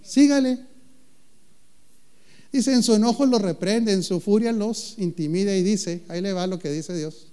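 High-voiced preacher. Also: male voice, dark tone, clear, resonant tone. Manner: playful, jokes with the congregation, calls out questions; slow emphatic preaching delivery. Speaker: pastor. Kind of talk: sermon.

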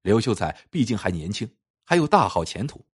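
A man narrating an old folk tale in an expressive, lilting storytelling way. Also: on the low side, fairly quick, breathy edge.

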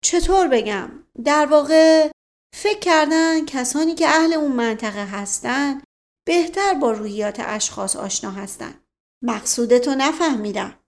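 A woman voicing an anxious middle-aged colonel who speaks haltingly and hesitantly. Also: sits high, voice pushed up.

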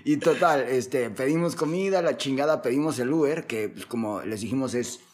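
A young Mexican man with a Mexican accent, telling a story in casual podcast chat, slangy and animated, acting out quotes. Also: medium pitch, moderate pace. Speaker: podcast co-host.

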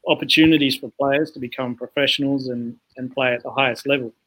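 Born in Zambia and raised in England, this man is the founder of a futsal organisation, talking at length about his work as a guest on a casual podcast, peppering it with "you know." His mid-range voice is steady, a bit bright, and fast, and the recording is rough.

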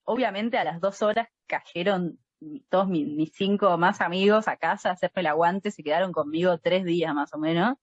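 A woman guest with an Argentine accent, telling a personal story in a lively, laughing way. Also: fairly low pitch, normal speed, dry recording. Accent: Argentine Spanish. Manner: animated storytelling, laughing between lines. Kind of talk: casual conversational storytelling. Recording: dry, slightly dull audio.

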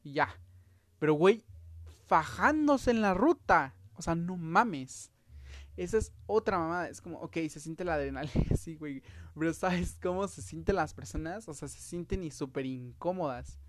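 A man's voice: a little high, expressive, moderate pace, slight background noise. A young man with a Mexican accent hosting his own show, giving his opinions in a heated, slangy rant full of fillers. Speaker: podcast host.

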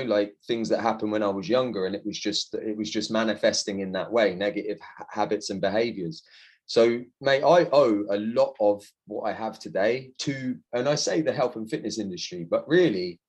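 Podcast host in his thirties, lower pitch, easygoing matey delivery. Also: moderate pace, darkish tone, breathy edge. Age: 30s. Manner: laid-back, says bro and man a lot. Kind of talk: casual podcast chat.

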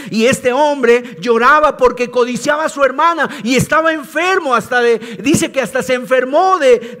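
A man's voice: extremely high pitch, fairly bright tone. A man preaching a sermon in an emphatic way, repeating key phrases and asking questions to teach.

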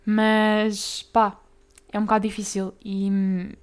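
A young woman with a European Portuguese accent, hosting a casual solo podcast, talking fast and tripping over tongue twisters. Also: mid-range voice, completely flat delivery, clear, resonant tone. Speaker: podcast host.

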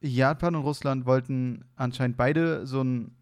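A man's voice: mid-range voice, fairly even intonation, a little slow, clean tone. A young man from Hesse, chatting casually as a podcast co-host, playful and laughing, often restarting his sentences. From Hesse, Germany. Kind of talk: casual chat.

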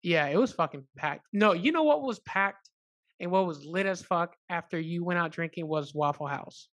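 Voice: medium pitch, lively intonation, normal speed, fairly bright tone. A podcast host who says they are hungover, chatting casually with a guest, loose and swearing freely. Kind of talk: casual chat.

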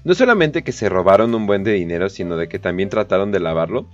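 A man's voice: low voice, animated, fast talker. A man with a Mexican accent hosting a podcast, giving slangy, profane, joking commentary on the news with lots of fillers. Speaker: podcast host. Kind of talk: casual comedic news commentary. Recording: dull lo-fi podcast audio, faint music.

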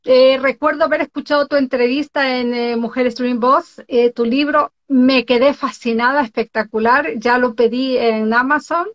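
A woman from Ecuador hosts a live online interview show from her home in Norway, chatting in an exclamatory way and laughing often. Her voice is high, with fairly even intonation, a normal speed and hardly any pauses. The casual live-stream chat comes over a video call with dull lo-fi audio.

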